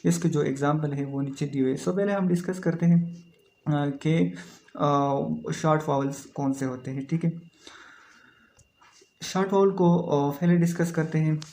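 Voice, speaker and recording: A man teaching phonetics in a recorded online lecture, explaining slowly and repeating phrases while mixing terms into Hindi. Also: on the high side, a little mellow.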